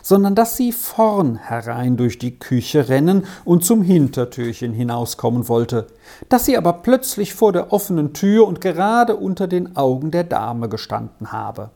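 A narrator reading a children's story aloud in a calm, measured way. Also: medium pitch, gravelly. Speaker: audiobook narrator.

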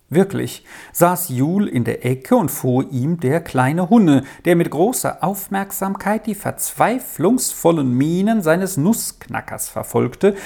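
A reader narrating a classic children's story in an expressive, unhurried way. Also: medium pitch, gravelly. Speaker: audiobook reader.

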